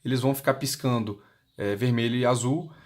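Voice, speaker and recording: A man selling intercoms, with a Brazilian Portuguese accent, explains the product step by step in an unscripted, instructional manner. His medium-pitched, darkish voice is steady and fairly quick. The audio is clearly noisy and includes clicks.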